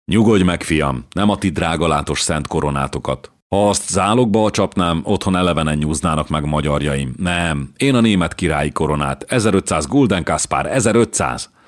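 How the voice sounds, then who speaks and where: A man's voice: deep voice, animated. A man voicing a cheerful, spendthrift old king who turns sheepish and evasive, in an audiobook reading. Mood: jovial.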